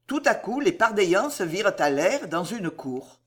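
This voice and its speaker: Reading a historical adventure novel, an audiobook narrator uses a mid-range voice and a measured, expressive storytelling style.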